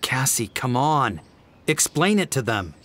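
A man's voice: mid-range voice, very animated, a little slow, a bit bright. A man voicing a teenage boy arguing insistently in a fan audiobook. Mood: urgent. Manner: urgent, insistent.

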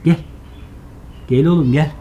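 A pet owner gently coaxing and scolding cats in singsong baby talk. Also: mid-range voice, unhurried, slight background noise.

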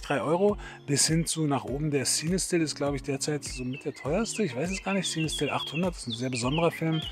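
A middle-aged man from Berlin talking casually to camera as a photography host, chatty and hesitant with many fillers. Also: medium pitch. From Berlin, Germany.

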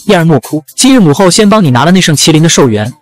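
A male narrator voicing a ruthless middle-aged empress, cold and imperious, speaking fast. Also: sits low, lively intonation, faint music behind. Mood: soothing.

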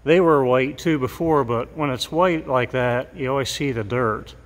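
A man's voice: medium pitch, normal speed. A middle-aged man, a mural painter, casually showing his work on a walkthrough, chatty with many fillers. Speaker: mural painter giving a tour. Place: large empty school gymnasium. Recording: long gym reverb.

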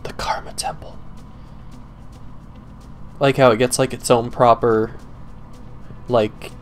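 A man's voice: medium pitch, a little mellow. A young man giving casual gameplay commentary in a sarcastic, profane, muttering way, close to a desk mic. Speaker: let's play gamer. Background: faint game music.

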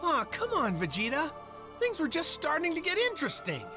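Game hero: cheerful, plain-spoken martial artist, hugely expressive pitch. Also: male voice, normal speed, full character voice. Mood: disappointed. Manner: earnest, plain-spoken, eager. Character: cheerful, bold adult male martial-arts hero. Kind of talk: video game voice acting. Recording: game music behind the voice.

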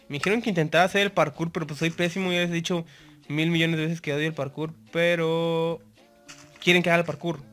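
A man's voice: on the high side, a bit bright. A man with a Mexican accent giving live gameplay commentary, chatty and constantly greeting viewers. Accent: Mexican Spanish. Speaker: gaming YouTuber.

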